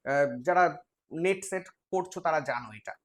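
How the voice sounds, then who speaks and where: A man's voice: a little high, moderate pace. A man with a West Bengal accent teaching a live online exam-prep class, explaining step by step and quizzing his students.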